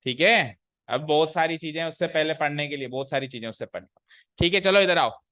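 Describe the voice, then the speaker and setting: A man's voice: fairly high pitch, fairly quick, bright, forceful tone, no echo. A man teaching English grammar to a class, repeating his points and quizzing the students as he goes. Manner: explains by repeating and asking the class questions. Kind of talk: classroom lecture.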